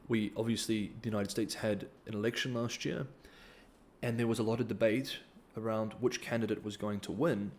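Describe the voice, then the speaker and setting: A New Zealand man hosts a casual livestream Q&A, reading donor comments hesitantly with many ums and restarts. His voice sits on the low side with a darkish tone, fairly even intonation and a moderate pace. A little hiss or hum is audible.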